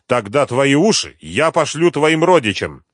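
A man's voice: mid-range voice, big pitch swings, unhurried, dry recording, clean studio sound, voice pushed up. A man voicing a cold, threatening crime boss with an unpleasant voice in an audiobook. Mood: menacing. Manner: threatening, curt.

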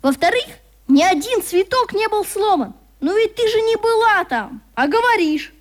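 Indignant, high-voiced schoolboy. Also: female voice, big pitch swings, moderate pace. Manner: heated, argumentative. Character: indignant, principled schoolboy, stubborn and sensitive. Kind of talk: radio play acting.

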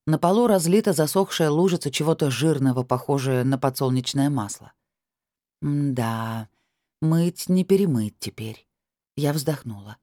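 A woman's voice: rumbling low, mellow, dry recording, clean studio sound. A woman narrating a novel in the first person with a wry, ironic manner. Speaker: audiobook narrator.

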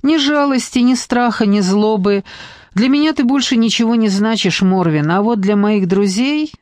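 Ghost girl, young, calm and unshakable, voiced by a male audiobook reader, lifted well above his own pitch. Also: measured pace, no echo, clean studio sound. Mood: assured. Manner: calm, steady and assured.

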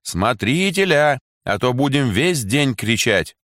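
A man voicing a crowd of angry women prisoners who shout their demands. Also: mid-range voice, sing-song, slow, no room sound, clean studio sound, voice pushed up. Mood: demanding.

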